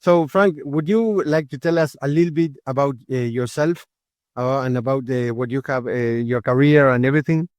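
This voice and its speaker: A man's voice: mid-range voice, moderate pace, darkish tone, no room sound. A young man from Argentina, interviewing a guest and asking questions with fillers and repeated restarts. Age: young adult. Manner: repetitive restarts, many fillers. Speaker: interviewer, surgeon.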